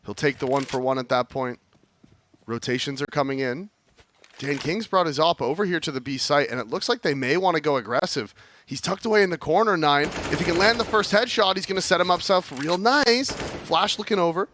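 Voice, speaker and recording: A male esports caster with a higher-than-average pitch gives live tactical commentary. He explains as he goes and builds suspense, with faint noise behind him. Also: brisk, a bit bright.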